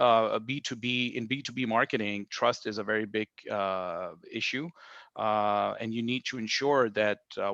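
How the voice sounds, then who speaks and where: A man's voice: medium pitch, fairly bright tone, no echo, highs cut off. A man being interviewed as a marketing director, explaining his work thoughtfully with many fillers and restarts. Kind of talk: business interview.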